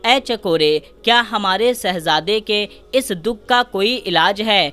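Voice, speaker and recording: A woman voicing a caring female partridge bird in a fairy tale, asking gentle questions. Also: medium pitch, clear, resonant tone, soft background music, natural voice. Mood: curious.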